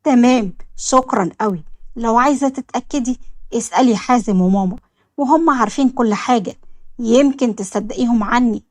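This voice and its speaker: A man's voice: very high voice, fairly quick, no room sound. A woman with an Egyptian accent voicing an anxious, devoted young husband who talks tenderly and pleads.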